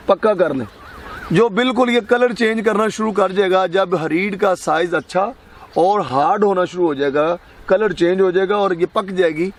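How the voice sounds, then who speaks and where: A man with a Pakistani Punjabi accent, explaining crop care outdoors in an instructive, firmly corrective way. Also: high voice. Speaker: farm expert guest. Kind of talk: explaining farming advice. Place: outdoors on a farm.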